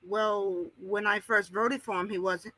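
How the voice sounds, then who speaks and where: A male caller on a call-in line, his voice high and pinched with a sharp edge. He argues heatedly with the host, restarting and stammering as he talks. The line sounds dry and close. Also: steady tone, a little slow, no echo, low-quality recording. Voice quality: argumentative, stammering. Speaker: caller to an online show. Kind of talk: heated argument.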